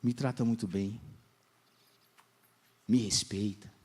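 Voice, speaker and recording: A young man preaching at a church congress, telling lively stories in slangy talk and acting out the voices he quotes. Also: fairly low pitch, slow, husky. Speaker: pastor. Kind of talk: lively storytelling sermon.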